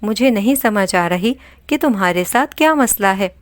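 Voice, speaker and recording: A woman's voice: mid-range voice, animated, no room sound, natural voice. Woman reading as a baffled, pleading husband. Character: bewildered husband, a worried young-to-middle-aged man.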